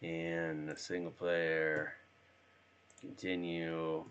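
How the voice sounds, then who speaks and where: A man with a hoarse voice from being sick, chatting casually and thinking aloud while setting up a live stream and playing a game. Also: deep voice, monotone, very slow, a bit bright, dull audio.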